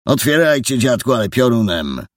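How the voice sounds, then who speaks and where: A man's voice: medium pitch, sing-song, moderate pace, no echo, clean studio sound, voice pushed up, lightly acted. A man voicing an impatient police commandant who barks brusque orders in a storybook reading.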